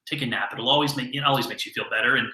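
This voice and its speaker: A man voicing his mentor's kind elderly mother as she softly coaxes her son. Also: medium pitch, rapid-fire, roomy sound, low-quality recording. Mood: coaxing. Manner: soft, coaxing.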